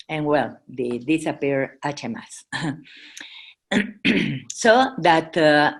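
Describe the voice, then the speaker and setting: With a deep voice and a Mexican accent, a woman presenting for the Red Cross keeps her talk informal. Spanish is her native language, so she halts now and then to find English words.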